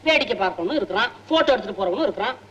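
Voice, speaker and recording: A man's voice: high voice, lively intonation, a bit bright, lo-fi sound, slight background noise. An actor playing a wisecracking, poor male tour guide, bantering in a film comedy. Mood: cheeky. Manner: joking, rapid banter. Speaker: tourist guide.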